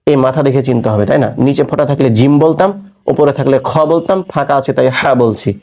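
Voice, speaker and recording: A man teaches Quran reading through a spelled-out recitation lesson, patiently breaking words into syllables and quizzing listeners with rhetorical questions. He talks fast in a medium-pitched, slightly mellow voice.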